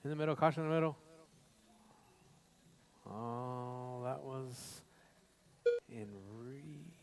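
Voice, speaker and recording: A man's voice: mid-range voice, slow pace, gravelly. Man announcing a live race. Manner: informal, repetitive calls to drivers. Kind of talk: live race commentary, calling positions.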